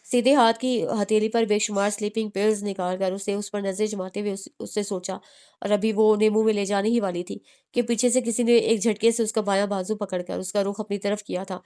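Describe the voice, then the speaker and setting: A woman's voice: medium pitch, fairly even intonation, fairly quick, mellow, clean tone. A woman narrating a romance novel as an audiobook, reading steadily with small restarts.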